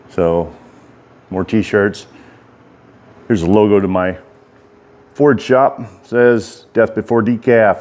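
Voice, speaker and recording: A middle-aged American man giving a casual, rambling walk-through tour in folksy, informal speech, talking out of the side of his mouth. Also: medium pitch. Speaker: writer and bladesmith giving a workshop tour.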